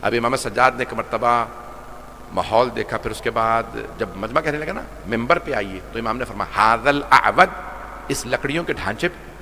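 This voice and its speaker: A man with a Pakistani accent preaching a sermon, telling a story with passion, swinging from loud cries to hushed tones. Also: mid-range voice. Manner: impassioned storytelling, swings between shouting and hushed retelling. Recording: reverberant hall with faint noise.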